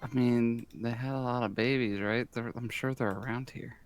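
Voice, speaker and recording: A man's voice: medium pitch, fairly even intonation, normal speed, faint music behind. A man chatting casually as a player in a tabletop game. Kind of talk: casual chat.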